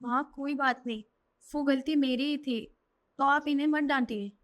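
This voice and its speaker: A woman playing a soft-spoken daughter-in-law who tries to calm the family quarrel. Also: sits high, normal speed, natural voice. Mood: placating. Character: gentle, meek young wife who keeps the peace. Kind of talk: short family drama acting.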